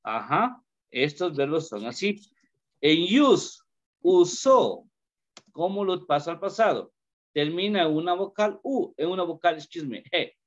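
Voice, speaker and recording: Hombre profesor de inglés, habla lento. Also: male voice, a little high, lively intonation. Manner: slow, repeats questions to students, mixes English into Spanish. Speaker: English teacher. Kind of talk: online class lesson. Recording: dull lo-fi call audio.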